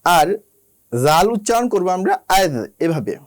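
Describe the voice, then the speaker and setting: A man teaching the rules of Quran recitation, slowly spelling out letters and drilling their sounds one by one. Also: fairly high pitch, very animated. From Bangladesh. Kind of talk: slow instructional lesson.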